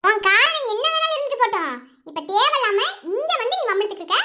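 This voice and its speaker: Woman doing a defiant young village woman, Madurai Tamil accent, very high bright voice, fast and scolding. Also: very animated, exaggerated voice. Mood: scornful.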